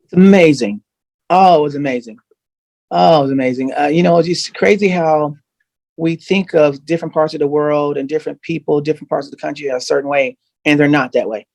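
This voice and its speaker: A guest singer, male, is chatting casually over a video call, telling animated stories full of restarts. His voice is fairly high and a little fast, with vocal fry and no echo.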